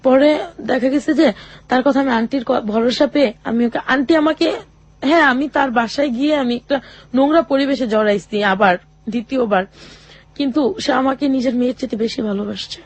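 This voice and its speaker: In an interview, a woman talks earnestly and haltingly through the struggles of her life, frequently quoting others. Her voice sits high, and the recording is dry.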